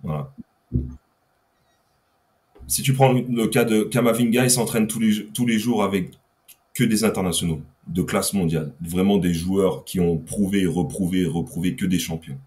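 A man's voice: sits low, normal speed, darkish tone. A man co-hosting a casual chat show, thinking aloud and explaining his point with examples. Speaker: co-host.

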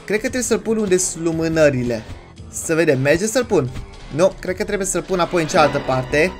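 Excitable young woman narrating a horror game. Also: fairly low pitch, faint music behind. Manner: excitable, chatty, shrieks when startled. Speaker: gaming YouTuber. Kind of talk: horror game let's play commentary.

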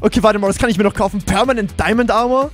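A young man hosting a multiplayer game session, talking excitedly, laughing and shouting as he plays. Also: high-pitched, very fast, music in the background. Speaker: gaming host. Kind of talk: excited multiplayer gameplay chat.

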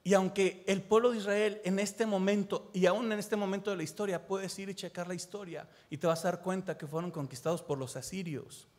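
A pastor delivers an impassioned sermon in a fairly high voice. He builds on repeated phrases and puts direct questions to the listener. His voice rings out with a long reverb in a large church hall. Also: steady tone, fairly quick, few pauses, a little mellow.

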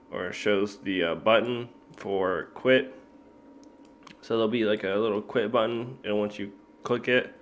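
A man walks through a coding tutorial in an easygoing, unhurried way, often pausing on fillers and correcting himself mid-sentence. His voice sits fairly low, and faint keyboard typing can be heard behind him. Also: a little hiss or hum. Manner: laid-back, filler-heavy, thinking aloud with self-corrections. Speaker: programming tutor. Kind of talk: casual screen-recorded coding tutorial.

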